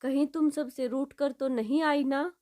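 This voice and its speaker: A loving middle-aged mother in a spoken storybook, gentle and coaxing, her tone soft and soothing, voiced by a woman narrator. the voice sits a little high. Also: steady tone, measured pace. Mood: tender.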